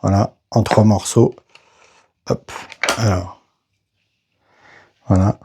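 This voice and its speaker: A man talks through a board game unboxing at a slow, halting pace, marking each step with small interjections. His voice sits low, with a gravelly, fried edge. A faint hiss of noise stays behind him. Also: level tone, dark tone. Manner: slow, hesitant, narrates each step with "voilà" and "hop". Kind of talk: casual unboxing commentary.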